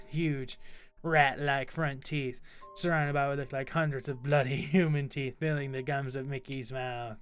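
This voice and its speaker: Streamer guy reading creepypasta, expressive, kinda mid voice, faint music in the back. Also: medium pitch. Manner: expressive reading, quiet muttering asides while gaming. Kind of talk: reading a horror story aloud.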